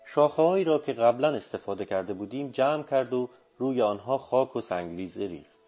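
Man narrating an audiobook, steady and measured. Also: mid-range voice. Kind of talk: scripted literary narration. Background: faint music.

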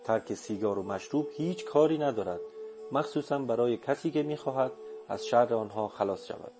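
A man reading an audiobook voices a calm, assured old male sage who speaks in firm, confident pronouncements. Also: mid-range voice, over music, close to an everyday voice.

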